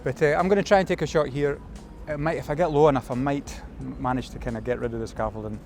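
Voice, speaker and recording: A man's voice: medium pitch, fairly even intonation, quick pace. Scottish male vlogger, casual and rambling, outdoor city streets with music bed. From Scotland. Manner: chatty, loose and rambling, with fillers and Scottish words. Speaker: photography vlogger. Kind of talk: casual walking vlog.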